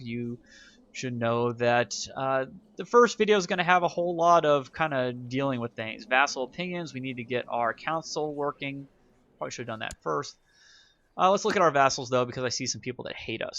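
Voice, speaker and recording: A gaming YouTuber with a fairly high, slightly bright voice gives dry, wry let's-play commentary on a strategy game, thinking aloud as he plays. The recording is dry and its highs are cut off.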